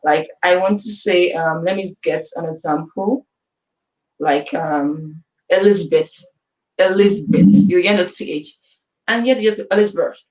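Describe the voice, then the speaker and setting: Animated Nigerian woman, roomy and distant. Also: on the low side, a little slow. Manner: animated, laughs often. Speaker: student advisor. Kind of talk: live Q&A chat. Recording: roomy sound from far off the mic.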